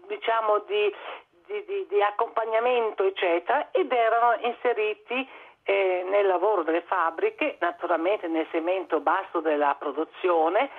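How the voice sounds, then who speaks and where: Woman expert in an interview, bit of german tinge in her italian, husky, stumbles and repeats words, tinny phone sound. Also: mid-range voice. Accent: slight German tinge in Italian. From Italy. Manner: halting, searching for words, repeating words. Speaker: expert guest on migration. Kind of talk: spontaneous interview answers. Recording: muffled narrow-band phone or radio line.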